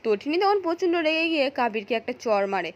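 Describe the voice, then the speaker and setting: High-voiced woman reading a drama recap. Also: sing-song, fast talker, muffled recording. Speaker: serial recap narrator. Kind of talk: reading a scripted plot recap.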